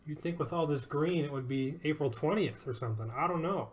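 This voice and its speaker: A man's voice: a little high, brisk. A man hosting a live sports card break, upbeat and joking as he calls out each card and who it goes to.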